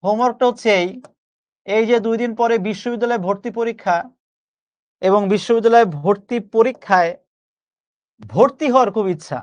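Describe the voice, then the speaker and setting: Young man teaching Bangla grammar, slow. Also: extremely high pitch, darkish tone, dull audio. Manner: coaxing, repeats key phrases slowly for emphasis. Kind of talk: live online class lecture.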